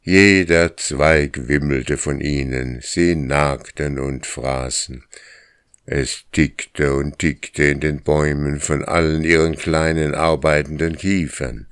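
Male audiobook narrator with a very deep, unhurried read and a dry, close sound. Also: steady tone, fairly bright tone, clean tone, no echo. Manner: slow, measured storytelling. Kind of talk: scripted narration.

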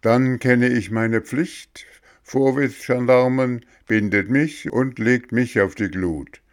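A man's voice: slow, lightly acted. A man voicing a brave wooden puppet boy who pleads in a raised, imploring voice in a storybook reading. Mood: heroic. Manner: high, imploring, heroic.

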